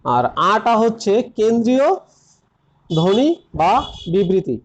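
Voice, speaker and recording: High-voiced man teaching a grammar lesson. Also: very animated, measured pace. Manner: explains step by step, repeats key points; addresses students directly. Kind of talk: exam-prep grammar lesson.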